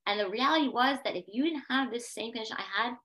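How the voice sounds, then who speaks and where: A woman's voice: on the high side, fast talker, pushed and bright. A young adult woman, a podcast guest, telling a personal story with intense emphasis and repeated phrases.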